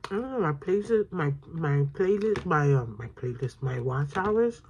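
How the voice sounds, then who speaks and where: Woman mukbang vlogger, chewing as she talks; low, unhurried voice, faint background noise. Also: animated, a little mellow, dull audio. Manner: talks between bites, chatty asides. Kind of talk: casual eating vlog.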